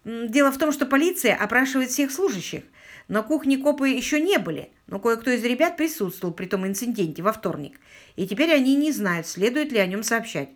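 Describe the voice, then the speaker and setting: A woman's voice: a little high, expressive, fairly quick, lightly acted. A woman voicing an eager young kitchen worker. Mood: earnest.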